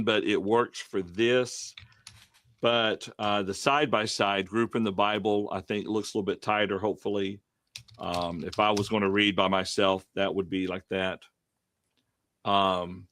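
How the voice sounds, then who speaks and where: Low-voiced man hosting a Bible study. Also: a bit bright, no echo, studio quality. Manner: rambling, hesitant with many fillers. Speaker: host running the online study. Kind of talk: casual Bible study discussion.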